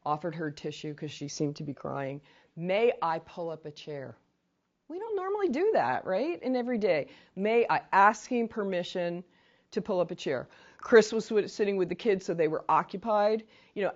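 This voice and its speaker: Her mid-range voice comes through lo-fi as she leads a training session in a meeting room. The lecture is casual, and she keeps it chatty with lively stories and asides.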